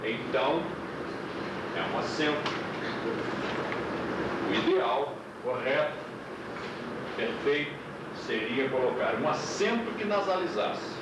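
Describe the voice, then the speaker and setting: A Brazilian man lectures a class from some distance, his voice caught on an old VHS tape. It rings through a very echoey room over a loud, steady tape hiss. He talks in a chatty way and keeps asking his students questions. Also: mid-range voice, takes it slowly, pauses often. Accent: Brazilian Portuguese. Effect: old VHS tape recording. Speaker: yoga teacher.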